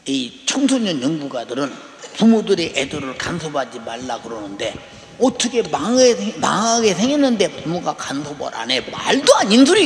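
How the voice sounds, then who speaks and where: Older pastor preaching in an echoing hall. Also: male voice, on the high side. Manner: emphatic, rhetorical "eh?" prompts to the congregation. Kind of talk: sermon. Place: large church sanctuary. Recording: echoey hall reverb.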